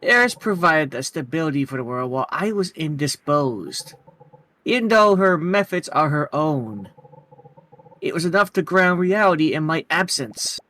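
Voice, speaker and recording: A grave, ancient bird deity acted out by a man from a video game, pitched a little high for a male voice. It speaks in stately, cryptic pronouncements with formal phrasing, recorded close and dry. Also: lively intonation, normal speed, pushed and bright, no room sound, rough recording. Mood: solemn. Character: solemn, cryptic godlike giant bird, grave and philosophical. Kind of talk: reading video game dialogue aloud.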